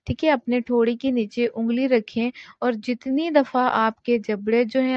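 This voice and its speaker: A woman's voice: fairly high pitch, a little mellow, no echo. A woman teaching an English lesson, patient and repetitive, mixing Hindi and English. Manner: slow, patient, repeats points with "theek hai". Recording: dull lo-fi.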